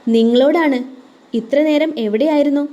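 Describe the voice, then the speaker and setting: A woman's voice: high-pitched, moderate pace, dark tone, highs cut off, voice pushed up, lightly acted. A woman voicing an angry young wife in an audio story, her voice raised and accusing.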